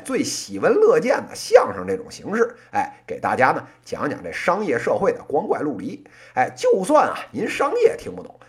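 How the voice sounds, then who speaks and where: In a mid-range voice, this late-thirties podcast host speaks with a Beijing accent. The delivery is a casual comic monologue in the style of solo crosstalk, sprinkled with erhua and frequent small interjections.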